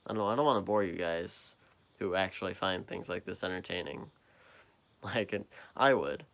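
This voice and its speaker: A young vlogger with a deep, gravelly voice and a bright edge rambles through a late-night monologue, sounding tired and halting, full of fillers and trailing-off sentences. He's in a quiet basement at night, recorded on a phone propped up nearby.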